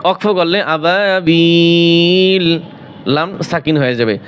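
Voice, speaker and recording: A man teaching Quran recitation, spelling out words and asking questions he answers himself, then chanting drawn-out melodic readings. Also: fairly high pitch, steady tone, a bit bright, slight background noise. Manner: drawn-out melodic recitation between quick explanations.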